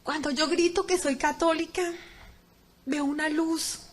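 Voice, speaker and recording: Woman, Colombian accent, middle-aged, high voice, religious testimony, dramatic, fervent, loud cries and hushed tones. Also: fairly even intonation, measured pace. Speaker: testimony speaker.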